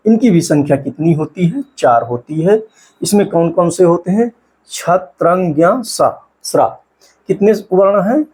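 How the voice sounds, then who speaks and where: A man teaches an exam-prep class in a husky, slightly high voice with a dark tone. He asks a question, answers it himself, then slows down to sound out syllables one at a time.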